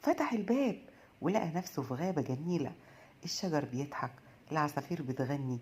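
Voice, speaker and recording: A woman with an Egyptian Arabic accent narrates a children's bedtime tale in a gentle storytelling cadence. Her voice sits low for a woman. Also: lively intonation, quick pace, a little hiss or hum.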